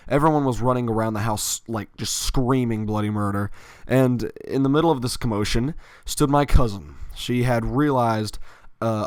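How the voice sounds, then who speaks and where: A man's voice: medium pitch, no room sound. A man telling a personal story in a casual, rambling way, with fillers and little self-corrections.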